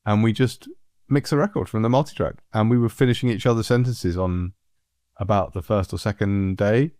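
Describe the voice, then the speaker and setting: A middle-aged man from England, a music producer, telling anecdotes in a relaxed, animated way with frequent laughs. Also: lowish voice, a little fast, no room sound, clean studio sound. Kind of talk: relaxed storytelling.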